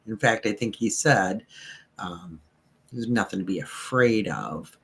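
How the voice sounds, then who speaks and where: A man on a panel talks slowly in a lowish, husky voice. He muses aloud as he works through an idea, taking his time over each thought. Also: lively intonation, a bit bright. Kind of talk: panel discussion.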